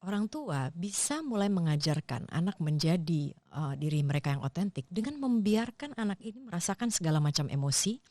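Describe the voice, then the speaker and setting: Brief: woman podcast guest, lowish voice, dry close recording, thoughtful and explanatory. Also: big pitch swings, a little fast, a little mellow, dry recording. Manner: thoughtful, explains ideas step by step with examples. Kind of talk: explanatory casual conversation.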